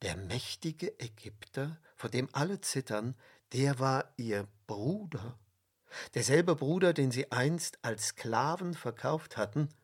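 A man reading a storybook aloud with slow, expressive narration and dramatic pauses. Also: medium pitch, husky. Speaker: reader.

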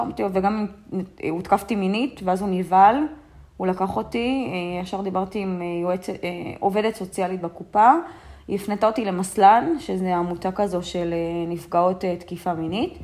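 Subdued, halting young woman. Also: medium pitch. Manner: halting, with many fillers and restarts; soft and subdued, often trailing off. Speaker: guest sharing a personal story. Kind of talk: first-person testimony.

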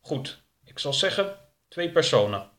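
A man's voice: a little high, very animated, a little slow, a bit bright, echoey room, voice pushed up. A man voicing a polite, formal male event organizer. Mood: courteous. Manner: courteous, formal.

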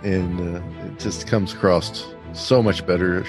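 A man chatting casually and giving a joking award speech, halting and full of fillers and restarts. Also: low voice, steady tone, over music. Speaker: podcast guest accepting a mock award.

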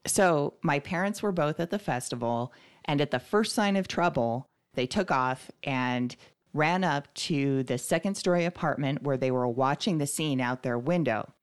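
A woman with a strikingly low voice recounts a family story on a podcast. She talks casually and unhurriedly, with a dry, wry humor. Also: normal speed, smooth. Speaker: podcast co-host.

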